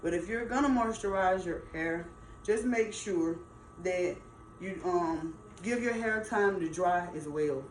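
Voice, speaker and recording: A woman's voice: fairly low pitch, measured pace. A middle-aged woman gives casual, chatty advice as a hair stylist, emphatic and folksy, repeating points for stress. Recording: roomy echo, faint background noise.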